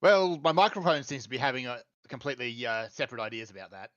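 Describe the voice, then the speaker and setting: A man co-hosting a casual podcast over a headset mic, his volume jumping unevenly between normal and very loud from automatic gain. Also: mid-range voice, animated, fast talker, dull audio. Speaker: podcast co-host. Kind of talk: casual chat.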